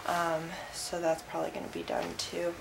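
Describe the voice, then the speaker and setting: Holding a camera at arm's length, a young woman walks indoors through bare, empty rooms and rambles casually, full of fillers. She speaks on the low side at a moderate pace, with a gravelly, completely flat delivery. The room is echoey and noise is audible.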